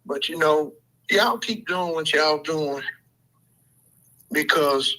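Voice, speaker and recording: A man's voice: on the high side, slow, sharp tone. Man calling in over the phone. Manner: rambling, full of fillers and restarts; earnest, supportive. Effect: heard over a phone call. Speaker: caller to the show. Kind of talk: casual call-in chat.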